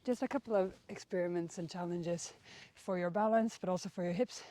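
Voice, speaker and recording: In a dry recording, a young woman with a lowish, dark-toned voice talks a little fast. She's a non-native English speaker serving as instructor and host of an outdoor workout, her instruction casual, encouraging, and chatty.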